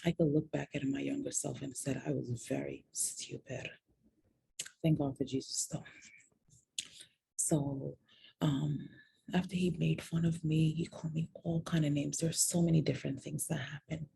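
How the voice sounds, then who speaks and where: A woman's voice: low-pitched, steady tone, moderate pace, gravelly, warm tone, breathy edge. A woman candidly recounting a personal story, reflective and self-mocking.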